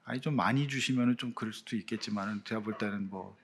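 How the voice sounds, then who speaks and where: A man preaching a Sunday sermon as pastor, animated, with sudden loud swells. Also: lowish voice, quick pace, creaky, a little hiss or hum.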